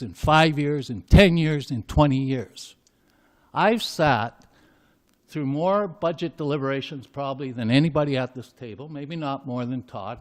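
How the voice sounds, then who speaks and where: An older man giving an emphatic, indignant public comment at a town council budget meeting. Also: medium pitch. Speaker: citizen speaking at council meeting. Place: council chamber.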